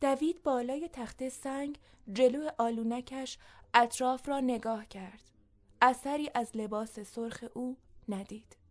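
Narrator: woman, slightly high voice, measured and even storytelling read.

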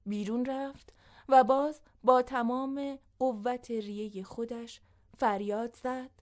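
Woman narrating a story, slightly high. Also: steady tone, darkish tone.

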